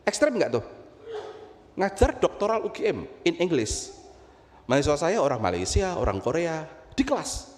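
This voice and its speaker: A middle-aged man from Indonesia, a pastor telling a personal story in a sermon, dropping to quiet low asides and rising to loud high outbursts. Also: very animated, moderate pace. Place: church hall. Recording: roomy church hall with long reverb.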